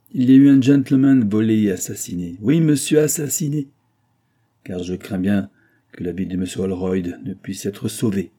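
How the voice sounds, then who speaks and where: A man's voice: mid-range voice, dark tone, natural voice. A man doing a stern, accusing merchant. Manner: severe, accusing. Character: stern indignant male merchant.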